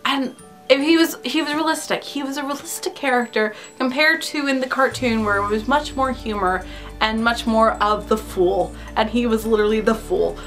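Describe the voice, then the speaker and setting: A woman's voice: a little high, moderate pace, fairly bright tone, soft background music. A woman chatting casually and eagerly through a film review, gushing and giggling as she gives her opinions. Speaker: YouTuber reviewing films.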